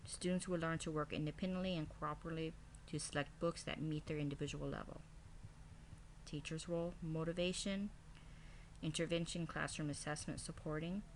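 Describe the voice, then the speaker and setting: Female teacher, low voice, scripted classroom presentation delivered item by item, slightly noisy home-made recording. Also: fairly even intonation, fairly quick. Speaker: kindergarten teacher. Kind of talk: scripted presentation, reading out a lesson plan.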